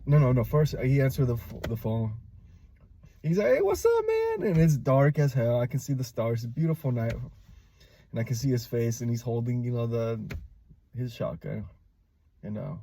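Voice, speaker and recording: A man recounting a painful personal memory in a somber, halting way, with many pauses and fillers. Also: mid-range voice, steady tone, dark tone, slight background noise. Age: adult, a father. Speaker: vlogger. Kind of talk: personal recollection to camera.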